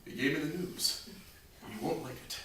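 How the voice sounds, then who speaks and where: A man's voice: on the high side, expressive, normal speed, pushed and bright. Man acting a bumbling army buddy, very echoey. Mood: mock-solemn. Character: bumbling, tactless wartime army buddy, mock-earnest and folksy. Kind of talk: comedic stage-style drama, old war-film dialogue. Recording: very echoey, distant mic, noisy with clicks.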